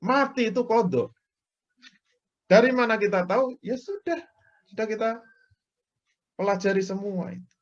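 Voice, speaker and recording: A man's voice: high voice, moderate pace, pauses often. Male preacher on a dull recording. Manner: explains by example, mimics people's prayers. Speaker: Islamic preacher. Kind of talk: religious lecture.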